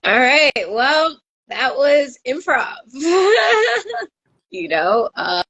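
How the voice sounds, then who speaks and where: A woman hosts a casual podcast with a laid-back, slangy, playful way of talking. Her voice is high. The sound is dry and close-miked. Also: very animated, very slow, a bit bright, no room sound. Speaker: podcast host. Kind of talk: casual chat.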